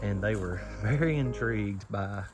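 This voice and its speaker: Folksy Southern man, loud music behind. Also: fairly low pitch, moderate pace. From Southern United States. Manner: folksy and easygoing, says y'all. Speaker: travel vlogger. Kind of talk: casual travel narration. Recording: dull lo-fi sound with loud music.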